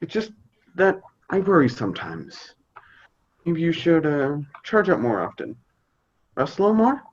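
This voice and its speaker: Man as fond fumbling dad, lively swooping pitch, halting delivery, theater comedy, slightly dull lo-fi sound. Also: breathy edge, full character voice. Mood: fond, hesitant. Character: fond, hesitant, slightly awkward suburban dad. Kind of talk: scripted youth theater comedy acting.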